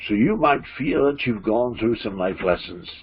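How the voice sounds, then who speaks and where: Man channeling a solemn spirit teacher, very raspy, swooping intonation, halting deliberate phrases, spiritual address. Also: fairly low pitch, lively intonation. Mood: solemn, instructive. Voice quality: husky, creaky. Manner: halting, deliberate phrasing with repetition and formal wording. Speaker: trance channeler giving spiritual guidance. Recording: dull, lo-fi sound.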